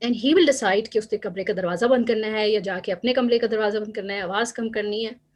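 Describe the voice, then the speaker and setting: A woman's voice: mid-range voice, a little mellow. A woman speaking at an online parenting seminar over a video call, mixing English phrases into her Urdu and acting out parents' remarks. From Pakistan. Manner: acts out parents' remarks in quotes. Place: home or office, online seminar. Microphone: computer mic on a video call.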